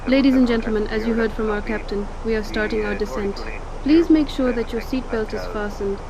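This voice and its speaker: A woman's voice: a little high, a little fast, a crowd in the background. A woman making a scripted, formal cabin announcement over the intercom as a flight attendant in a game. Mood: polite. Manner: polite, even, formal delivery. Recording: dull, muffled intercom sound with engine hum behind. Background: cabin engine hum.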